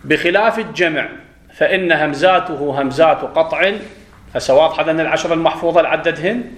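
A man teaching a grammar lesson in a classroom. He drills pronunciation by contrasting right and wrong forms and checks understanding with quick questions. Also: on the high side, a bit bright. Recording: roomy echo.

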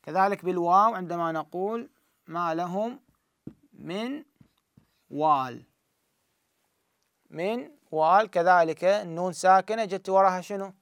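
A man with an Iraqi Arabic accent giving a tajweed lesson, explaining step by step and slowly drawing out the recited examples. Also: high-pitched, fairly bright tone, clean tone, dry recording, studio quality. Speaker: Quran recitation teacher.

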